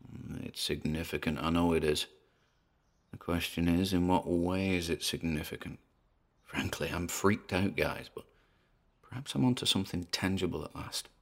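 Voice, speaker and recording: An actor voices a male paranormal investigator in an audio drama styled as a found recording, narrating his exploration on tape. His voice is low and gravelly, freaked out and hushed, as he hesitantly mutters observations with sighs and trailing asides.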